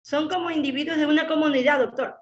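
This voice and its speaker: A female student answering in class over a video call, halting and unsure. Her voice is fairly high. The call audio is dull and echoey. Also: steady tone. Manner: hesitant, halting.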